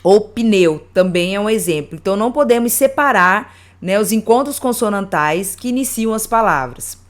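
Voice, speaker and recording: Woman teaching grammar slowly. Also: mid-range voice, lively intonation. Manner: slow and deliberate, spelling out examples word by word. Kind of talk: grammar lesson.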